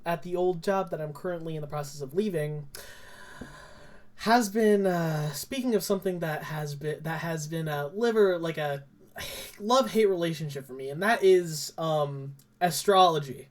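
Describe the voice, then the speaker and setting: A young man with a rather high voice co-hosts a casual podcast. He tells loose, rambling stories, doubling back often and leaning on fillers as he goes. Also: normal speed. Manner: rambling storytelling full of fillers and self-corrections. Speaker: podcast co-host. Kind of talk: casual chat.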